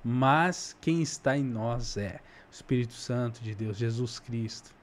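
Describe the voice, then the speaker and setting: A man's voice: medium pitch, unhurried, a little hiss or hum. A man hosting, breaking in with earnest, casual preaching aimed straight at his viewers. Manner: earnest, addresses viewers directly. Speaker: host and preacher.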